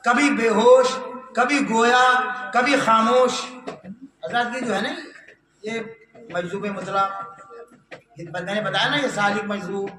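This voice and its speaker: A man with a very high, bright and forceful voice delivers a sermon at a religious gathering, swinging between fervent shouted verse and a lower storytelling tone. He is heard from some distance in a strongly echoing hall, with faint ambience behind him. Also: a little hiss or hum. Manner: rising into chanted, shouted verse, then dropping to a low telling tone. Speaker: preacher. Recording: echoey hall, voice from afar.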